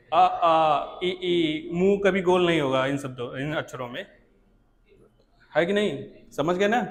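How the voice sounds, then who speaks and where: A man's voice: on the high side, long reverb tail. A male teacher giving a classroom lecture, saying sounds aloud to show them and often asking whether the students follow.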